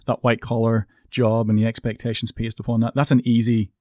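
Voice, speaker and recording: A man's voice: medium pitch, little pitch movement, a little fast, warm tone, dry recording, clean studio sound. A man in a casual podcast chat, reflective, explaining his views at length.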